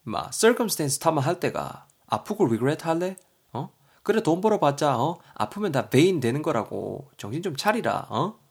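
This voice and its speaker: A man voicing a blunt young man with a Gyeongsang dialect accent, roughly scolding his friend in a vocabulary lesson story. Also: on the high side, big pitch swings, moderate pace, voice pushed up, exaggerated voice. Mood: nagging.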